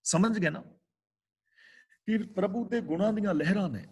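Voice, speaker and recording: Scripture teacher, male, measured teaching over a video call, voice a touch high. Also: darkish tone, slightly rough. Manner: chants verses slowly, then explains word by word. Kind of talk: religious exposition class.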